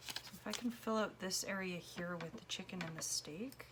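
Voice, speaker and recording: A woman giving casual commentary while making a collage, a little hoarse as she loses her voice, dropping to a whisper as she works. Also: lowish voice, normal speed, background noise. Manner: chatty, drops to a whisper while working. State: losing her voice. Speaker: collage artist.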